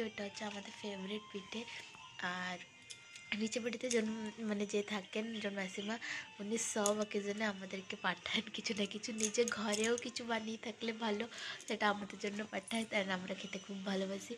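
A young Indian woman, a native Bengali speaker with a stuffy cold and sore throat, chats casually for a home vlog and mixes in English words. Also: medium pitch. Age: young adult. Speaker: vlogger. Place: small room at home, indoors. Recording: clearly noisy home recording with clicks.

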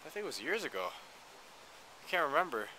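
Rambling and cracking jokes, a young house painter and vlogger talks to an arm's-length handheld camera out by a wooden deck and yard. He speaks quickly in a pushed, bright, slightly high voice with big pitch swings; the audio is poor, with a little hiss or hum.

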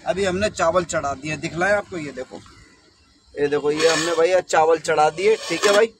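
A man in his thirties who drives trucks talks to viewers through an arm's-length phone camera while on the road, at a moderate pace and a somewhat high pitch. His casual travel narration is chatty, full of "brother" and "friends," recorded noisily outside among trucks and highway stops.

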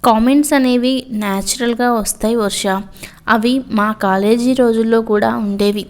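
A woman voicing a middle-aged female hostel warden who gives calm, lecturing advice, read in a storybook reading. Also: fairly high pitch, normal speed, lightly acted. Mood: firm lecturing.

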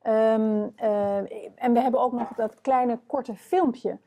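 Mellow-voiced woman interviewer. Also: on the high side, fairly even intonation, slow, highs cut off. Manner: guiding, hesitant with fillers. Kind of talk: stage interview. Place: stage before a live audience.

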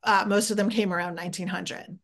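Animated woman historian on a video call. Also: mid-range voice, a little fast, a crowd in the background. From suburbs of New York City. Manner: animated, laughs easily, many restarts. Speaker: guest historian. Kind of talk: casual conversation. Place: home office with bookshelves.

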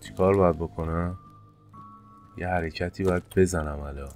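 A man commentating his gameplay casually, excitable, jumping to sudden high-pitched yelps. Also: soft background music. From Iran. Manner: excitable, jumps to high-pitched yelps when fires start. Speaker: gameplay streamer. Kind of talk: casual let's-play commentary.

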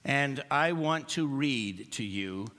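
An older male pastor delivers a joking, story-filled sermon. His voice is lively and bright, with a slightly high pitch, and it rings out with long reverb in a church sanctuary. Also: slow pace.

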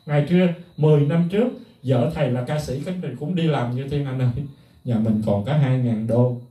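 A middle-aged man, a music teacher, talking casually to viewers in an animated, emphatic way. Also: mid-range voice, a little fast, recorded from a distance. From Vietnam. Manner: animated, emphatic, mimics others in a raised voice. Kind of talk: casual spoken talk to viewers. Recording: echoey room, voice from off the mic.

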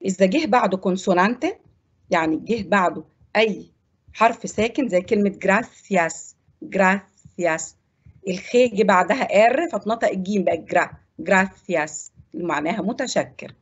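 A woman with an Egyptian Arabic accent teaching a Spanish lesson, explaining step by step and slowly repeating words for pronunciation. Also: mid-range voice, breathy edge, highs cut off. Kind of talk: televised classroom lesson.

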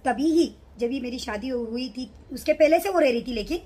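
High-voiced woman telling her story. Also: a little fast, mellow, husky. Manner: agitated storytelling. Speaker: vlogger. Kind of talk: emotional personal account to camera.

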